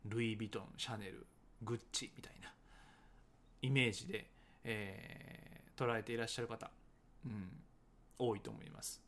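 A man who teaches English conversation talks casually about his book, hedging often and pausing with many fillers. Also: lowish voice, creaky, fairly bright tone. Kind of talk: casual solo talk promoting his book.

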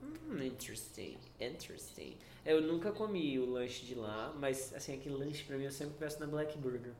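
A man's voice: mid-range voice, normal speed, a little mellow. A man with a Brazilian accent teaching a casual live English class, teasing and laughing often. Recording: echoey room with faint background noise.

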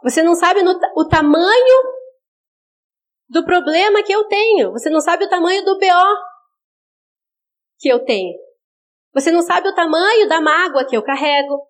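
A woman's voice: extremely high pitch, animated, normal speed, long pauses. A woman preacher giving a sermon, talking straight to her listeners with rhetorical questions and acting out their words in quoted asides. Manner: earnest, direct address with rhetorical questions.

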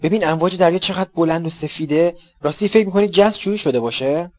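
A man voicing an excitable young male escaped convict who talks eagerly and emphatically. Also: a little high, no room sound, voice pushed up, natural voice. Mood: anxious. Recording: dull lo-fi dry recording.

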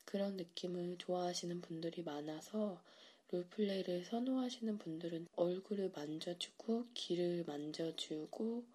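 A woman speaks as an ASMR host introducing a recording to listeners. Her voice is mellow, breathy and a little low. She talks in a hushed way, often dropping into a whisper. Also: normal speed, few pauses. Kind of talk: soft podcast-style introduction to listeners.

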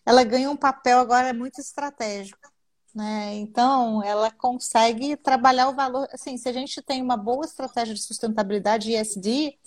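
A woman's voice: fairly high pitch, fairly even intonation, brisk. A woman with a Brazilian Portuguese accent, a guest business consultant speaking animatedly in a casual live-stream interview, often tagging her sentences with questioning asides.

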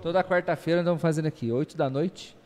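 A man with a Brazilian accent hosting a live podcast, chatty, with quick reactions. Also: a little high, darkish tone. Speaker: podcast host. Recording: reverberant room.

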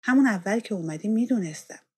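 A woman reading an audiobook, voicing a gentle, persuasive woman doctor. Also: mid-range voice, animated, breathy edge, no room sound, pitched above the performer's own voice. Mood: coaxing. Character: smooth-talking kindly woman doctor.

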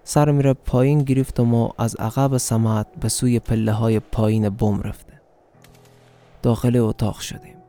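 A man with an Afghan Dari accent reads a story aloud in a very dark, warm voice. His delivery is steady and measured, and soft music plays underneath. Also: fairly low pitch, creaky. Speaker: narrator. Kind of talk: radio story reading.

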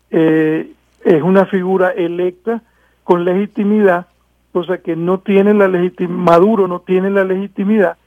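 A man's voice: high voice, no echo. A man from Venezuela calling in to a radio show, giving firm, emphatic political commentary. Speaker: phone-in guest commentator. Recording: tinny dry phone line.

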